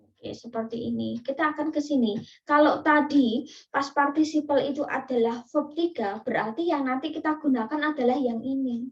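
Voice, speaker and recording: A woman's voice: high voice, normal speed. Indonesian woman teaching, distant muffled recording. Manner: explains step by step with many fillers and asides. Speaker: English teacher. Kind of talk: online class lecture.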